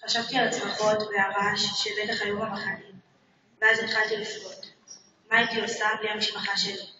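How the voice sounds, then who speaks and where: A woman's voice: medium pitch, little pitch movement, noisy background. A young woman earnestly reading her personal reflection at a ceremony. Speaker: ceremony speaker. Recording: dull, echoey hall from far off with crowd.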